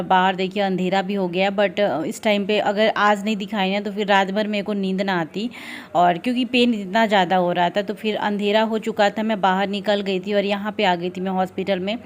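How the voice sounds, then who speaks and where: Young Indian woman, casual vlog narration, soft-spoken and tired, filler-heavy. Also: medium pitch, slight background noise. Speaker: vlogger.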